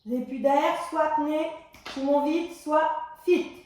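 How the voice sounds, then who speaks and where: A woman with a high voice leads a floor exercise class, calling out calm, step-by-step cues timed to the breath. Her voice rings around a very echoey exercise room. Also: unhurried. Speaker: fitness instructor.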